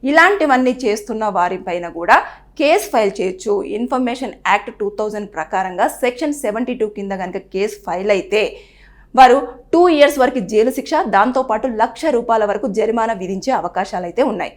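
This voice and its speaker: Speaking to camera, a news presenter gives an earnest explainer on a legal topic, offering the viewer advice. Her mid-range voice is brisk with lively intonation. She repeats phrases and acts out what people say.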